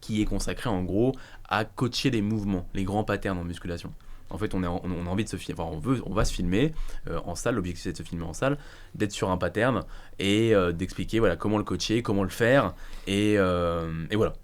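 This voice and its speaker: A man's voice: low voice, brisk. A man, co-hosting a casual podcast chat, rambling with many fillers and restarts. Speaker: podcast co-host. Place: podcast studio.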